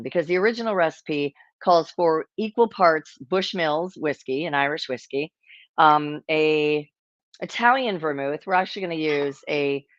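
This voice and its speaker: A woman's voice: lowish voice, no echo, highs cut off. A woman hosting a casual cocktail-making demo, chatty and self-deprecating, with rambling asides. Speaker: cocktail show host.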